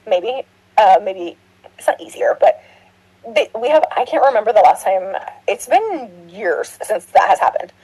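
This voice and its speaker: A woman's voice: medium pitch, sing-song, measured pace, warm tone, slightly rough, low-quality recording. A middle-aged woman nursing instructor giving a recorded orientation lecture, chatty and rambling, with laughs and restarts. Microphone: computer mic, screen recording.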